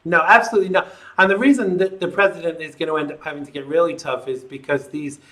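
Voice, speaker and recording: A man's voice: fairly high pitch, fairly even intonation, quick pace, fairly bright tone. A man hosting a live call-in show, talking in an opinionated, sardonic and conversational way.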